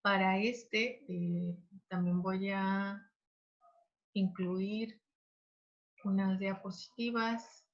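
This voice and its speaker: A woman teacher giving an online class, talking slowly with many pauses and fillers. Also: medium pitch, steady tone, highs cut off. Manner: slow, hesitant with many fillers.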